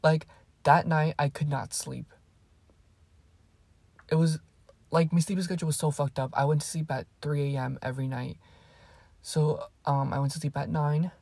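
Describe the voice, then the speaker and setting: Teenage girl, low voice, husky, dry close sound, casual vlog storytelling, rambling, swears a lot. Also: fairly even intonation, measured pace, pauses often, dark tone, dry recording. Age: teens. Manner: rambling and profane, with fillers and asides. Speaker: vlogger.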